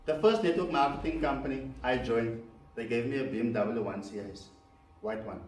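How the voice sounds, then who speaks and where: Presenting a live seminar with a South African accent, an Afrikaans-first-language man talks chattily, using lots of fillers and asking the audience questions. He has a mid-range voice at a moderate pace. It's recorded in an echoey room from a distant mic, with faint background noise.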